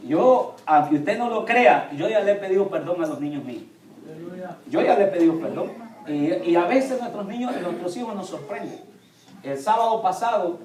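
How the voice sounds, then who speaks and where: Male pastor, high voice, sermon-style storytelling, caught from a distance in a church. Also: slight background noise. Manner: storytelling, quotes his children in a lively voice. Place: church hall. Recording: echoey church hall from far off.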